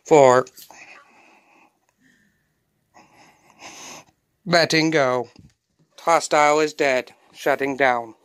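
Man doing a robot police enforcer, clipped monotone orders, bright tone, crisp clear voice. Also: a little high, takes it slowly, dry recording, clean studio sound. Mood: glitching. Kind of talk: comedic skit acting.

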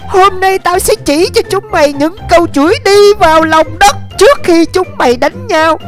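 A bossy male demon teacher barks insults at his class, as a woman voices him. The voice sits very high and talks crudely and mockingly. Music plays clearly under this game video voice-over. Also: normal speed. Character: rude male demon teacher impostor, villainous. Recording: music bed behind voice.

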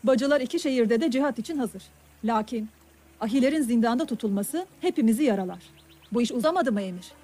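A firm female leader in a historical drama. Her voice is fairly high and challenging, addressing others as an equal. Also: animated, quick pace, warm tone.

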